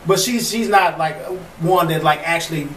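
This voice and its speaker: A man with a high voice trades casual, teasing remarks with his co-host. The mic sits some distance away in an echoey room, with a light hiss underneath. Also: normal speed, fairly bright tone. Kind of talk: casual chat. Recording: echoey room, far from mic, faint noise.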